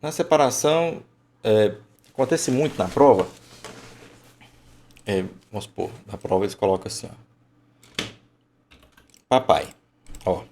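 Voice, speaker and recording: Man, online lesson teacher, deep gravelly voice, emphatic and unhurried. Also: expressive, a little mellow, a little hiss or hum. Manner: emphatic and colloquial, thinks aloud.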